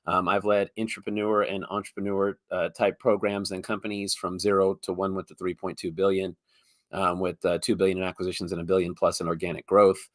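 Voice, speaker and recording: A man in his fifties speaks as a podcast guest, his low voice slightly hoarse from illness. The sound is dry and close. He rambles with enthusiasm, often repeating words as he builds up a thought. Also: flat delivery, a little fast, dry recording. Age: 50s. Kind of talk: casual interview talk.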